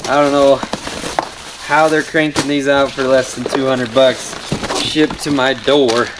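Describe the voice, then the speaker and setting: A chatty man vlogging from his garage workshop, rambling and self-deprecating as he tears into engine parts. His voice sits at an ordinary middle pitch. A faint hiss of noise runs behind him. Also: level tone, unhurried. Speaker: car mechanic vlogger. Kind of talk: casual shop vlog.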